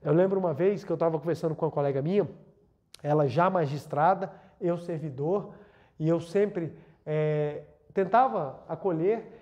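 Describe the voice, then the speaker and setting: A man's voice: a little high, dark tone. Earnest Brazilian man giving spiritual talk. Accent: Brazilian Portuguese. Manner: earnest, repeats words for emphasis. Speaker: spiritual lecturer. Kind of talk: spiritual talk and guided meditation.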